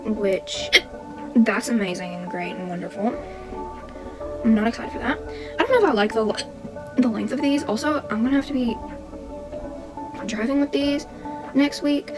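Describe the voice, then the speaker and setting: A woman's voice: high voice, animated, moderate pace, long pauses, poor audio. A young woman chatting casually in a home vlog, bubbly and giggly, hiccuping now and then. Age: young adult. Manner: chatty and bubbly, with frequent giggles and filler words. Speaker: vlogger. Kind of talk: casual chat. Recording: background music under the voice.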